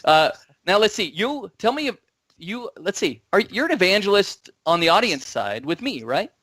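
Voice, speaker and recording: A man's voice: high voice, sing-song, moderate pace, fairly bright tone, no echo. A man hosting a tech talk show, upbeat and joking, rambling with restarts. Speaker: podcast host. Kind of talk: casual tech show chat.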